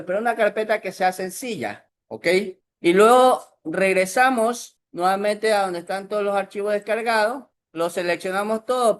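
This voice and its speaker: A man, patiently explaining a software tutorial step by step over a screen recording. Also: high-pitched. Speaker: instructor.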